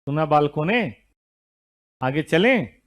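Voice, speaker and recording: A middle-aged man teaching an accounting lesson to a classroom of students, lively and scolding now and then. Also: on the high side, slow. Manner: lively, scolding students, mixes Hindi and English terms. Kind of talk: classroom lecture.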